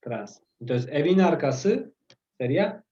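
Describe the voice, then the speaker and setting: A man's voice: fairly high pitch, big pitch swings, takes it slowly, dark tone. Hesitant male teacher on a dull call. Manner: patient, explaining, checks understanding with tag questions; hesitant, many fillers. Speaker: Turkish teacher. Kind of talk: online group lesson. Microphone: video call.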